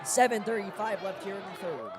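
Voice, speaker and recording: Very high-voiced male football play-by-play commentator. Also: brisk. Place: outdoor football stadium. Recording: noisy outdoor stadium, loud crowd.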